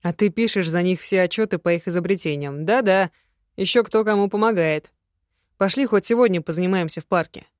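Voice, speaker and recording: A woman reading a young male magic student, teasing and affectionate, in a slightly louder, gentler voice. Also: fairly low pitch, a little fast, no room sound, studio quality, lightly acted.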